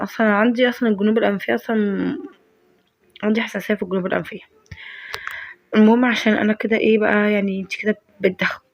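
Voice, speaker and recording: Egyptian woman chatting thru a cooking vlog, stuffy cold voice, gravelly, fast. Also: medium pitch, no room sound. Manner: chatty, talks to viewers directly. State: congested with a head cold. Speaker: home cook vlogger.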